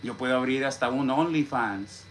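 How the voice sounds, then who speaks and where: A man's voice: mid-range voice, normal speed, a little hiss or hum. Boastful Mexican man ranting on a live stream. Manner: boastful, repeats "hombre" constantly; greets chat viewers mid-rant. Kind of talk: casual live-stream rant.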